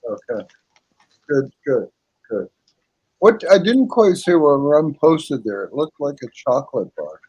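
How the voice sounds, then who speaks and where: A man hosting a casual chat, relaxed and supportive, on dull lo-fi dry audio. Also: fairly high pitch, a little slow, pauses often, slightly rough, dry recording. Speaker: host.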